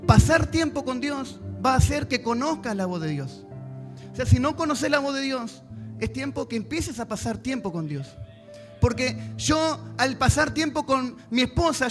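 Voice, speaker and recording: Very high-voiced pastor preaching. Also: male voice. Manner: preaches to a congregation, acting out prayers and replies. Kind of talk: sermon. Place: church service. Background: music.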